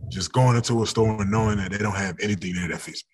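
A man's voice: on the low side, fast, slightly rough. A man in his thirties, a football player as guest, talking candidly in a casual interview, laughing often and restarting his words.

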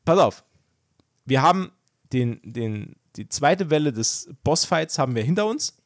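Animated storytelling young man, dry sound. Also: a little high, measured pace, dry recording. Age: young adult. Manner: animated storyteller acting out dialogue. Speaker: podcast co-host. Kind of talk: casual chat.

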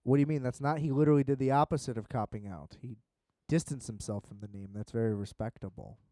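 A man chatting casually with friends, animated and swearing, laughing often. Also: medium pitch, fast talker, dry recording. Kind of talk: casual chat.

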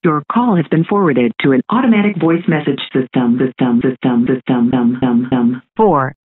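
A man's voice: medium pitch, moderate pace, slightly rough, soft background music. A man doing a glitching answering machine message. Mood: glitchy recorded. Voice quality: repeats words like a glitching recording. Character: stuttering automated voicemail system, male, flat and mechanical. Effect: answering machine message over a phone line. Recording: tinny phone line, heard from off-mic.

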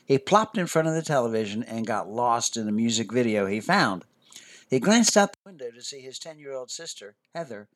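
A man hosting a scripted parenting talk, measured and expressive, sometimes dropping to a whisper for emphasis. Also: mid-range voice. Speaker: host, family counselor.

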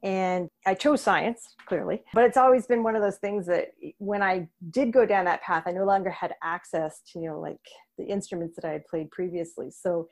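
A woman's voice: lowish voice, normal speed. A woman in her thirties from Canada, an associate professor talking steadily and thoughtfully as a podcast guest. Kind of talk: conversational interview.

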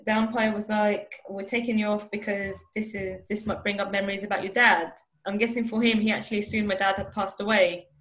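A woman's voice: mid-range voice, a bit bright. A woman being interviewed, telling a personal story in a rambling, casual way and acting out what people said. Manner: rambling, acts out quotes with "I was like". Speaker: interview guest.

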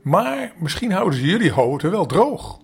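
Brief: older man reading a meek old peddler in a storybook, soft-spoken, warm at heart. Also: high-pitched, very animated, normal speed, husky, faint music behind, pitched above the performer's own voice, exaggerated voice. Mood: kindly. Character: poor, kind-hearted old hat seller.

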